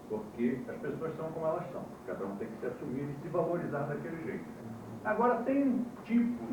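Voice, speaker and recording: A man's voice: on the high side, very echoey. Brazilian guy teaching a class off an old vhs tape, far from the mic, tape hiss all over. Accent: Brazilian Portuguese. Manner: explanatory, spells out terms slowly. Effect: old VHS tape recording. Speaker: yoga teacher. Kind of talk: classroom lecture.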